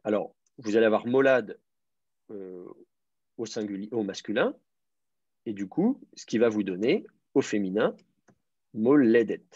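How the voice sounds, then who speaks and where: A man teaching, his voice low and husky, stopping often to hesitate and repeat himself as he explains step by step. The recording is close and dry, with slightly dull, lo-fi sound. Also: expressive, unhurried, long pauses, a little mellow, dry recording. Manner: hesitant, many fillers and repeated words, patient explaining. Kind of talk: explanatory online class lecture.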